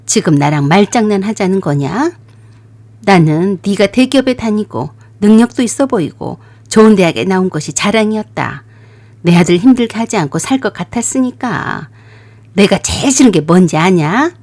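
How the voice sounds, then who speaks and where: A woman voicing a stern, scolding older mother-in-law in a radio drama, lowering her voice into sharp rebukes. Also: lively intonation, moderate pace. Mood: cold, stern.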